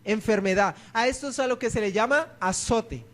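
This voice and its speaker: A man's voice: high voice, normal speed. A man, a pastor preaching a sermon in church, who keeps asking the congregation questions and answering them himself.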